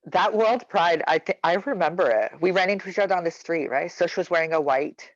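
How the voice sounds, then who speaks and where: A man who performs in drag, a podcast guest in casual chat, animated and self-mocking. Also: high-pitched, a little fast, dry recording. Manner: animated, self-mocking, laughs between thoughts. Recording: dull, dry lo-fi recording.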